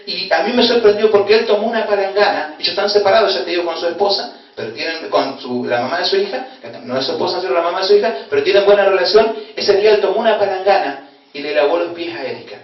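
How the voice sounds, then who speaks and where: A man pastor with an Argentine accent from Corrientes, preaching a sermon and telling a story with emotional swings between loud exclamation and hushed tones. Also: high voice, quick pace. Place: church hall. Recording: very echoey hall, distant dull mic.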